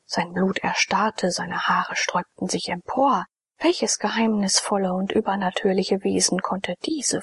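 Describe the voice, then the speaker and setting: A woman narrating a historical novel in a hushed storytelling manner. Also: mid-range voice, gravelly, husky, no echo. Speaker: audiobook narrator.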